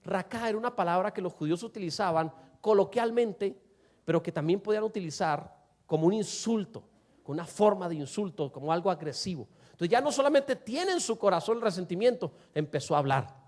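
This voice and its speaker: High-voiced preacher, man. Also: lively intonation, brisk. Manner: rhetorical questions to the congregation, wide swings in loudness. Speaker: pastor. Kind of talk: sermon.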